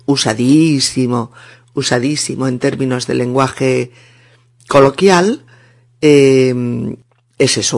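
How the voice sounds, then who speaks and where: A man with a Spain Spanish accent teaching a language lesson, explaining colloquial words deliberately and breaking them into syllables for students to repeat. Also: mid-range voice.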